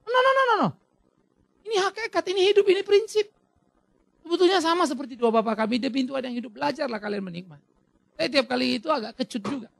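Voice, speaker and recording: A middle-aged man preaches with a high, lively voice that swings widely and has a gravelly edge. He acts out small exchanges and bursts into loud cries. The sound is dry and close to the mic. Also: dry recording. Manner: lively, theatrical, acts out dialogues with sudden loud outbursts. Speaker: pastor. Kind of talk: sermon.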